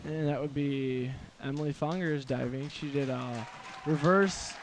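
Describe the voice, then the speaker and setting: A man's voice: mid-range voice, unhurried. A man doing casual live commentary at a swimming and diving meet. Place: indoor pool during a school meet. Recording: noisy pool ambience.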